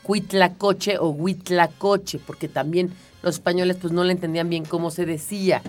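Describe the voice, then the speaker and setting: A woman's voice: fairly low pitch, little pitch movement, fast talker, darkish tone, soft background music. A woman from Mexico with a Mexican accent, co-hosting an explanatory chat and walking through ideas patiently, often checking in with her listener. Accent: Mexican Spanish. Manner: explains patiently, often tags "¿no?" and fills with "este". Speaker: co-host.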